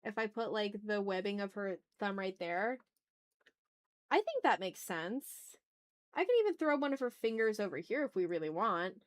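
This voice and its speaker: A woman speaks at normal speed in an expressive, medium-pitched voice while hosting an art stream. Her talk is casual and candid, full of thinking aloud and free swearing as she draws.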